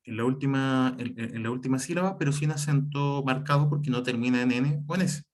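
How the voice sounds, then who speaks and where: A man's voice: medium pitch, brisk. A man teaching a spelling lesson, explaining the rules step by step, with frequent fillers and self-corrections. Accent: Chilean Spanish. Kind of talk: spelling lesson over slides.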